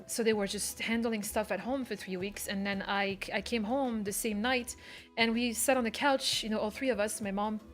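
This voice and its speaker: A woman streamer talking candidly and rambling with her viewers in casual chat, often restarting her sentences. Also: mid-range voice.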